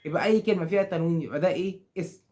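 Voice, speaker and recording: This is a man's voice that sits high and dark-toned, delivered rapid-fire, with an Egyptian Arabic accent. He is giving a grammar lesson to school pupils, firing off questions, answering them on his own, and playing out the students' objections.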